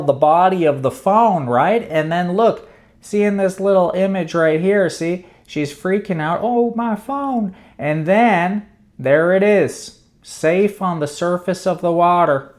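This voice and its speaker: A man hosting his own channel, talking through ideas in a casual, meandering way, often stopping and restarting his sentences. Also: on the high side. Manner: meandering, hesitant, many restarts. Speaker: channel host. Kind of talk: casual brainstorming monologue.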